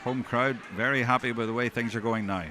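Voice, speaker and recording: A man giving live hurling commentary, describing play in measured running observations. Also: medium pitch, steady tone. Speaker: sports commentator. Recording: outdoor stand, loud crowd noise behind. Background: crowd noise at outdoor match.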